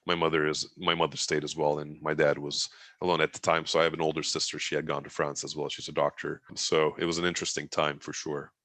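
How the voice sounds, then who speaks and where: With an extremely low, fairly bright voice that barely shifts in pitch, this quick-talking Turkish man in his forties describes his life as an interview guest. Turkish is his first language, and his casual, rambling account restarts many times; the recording has no echo.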